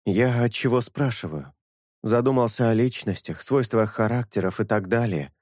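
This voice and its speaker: A man reading an audiobook, voicing an earnest young priest who speaks in a measured, sincere way. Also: on the low side, darkish tone, dry recording, clean studio sound, lightly acted. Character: earnest young male priest, calm and honest.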